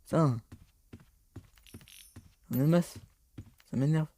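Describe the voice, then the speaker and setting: A man's voice: a little high, slow, dark tone, slight background noise. A tired young man commentating his gameplay casually, rambling, stammering and swearing as he plays. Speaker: gaming YouTuber.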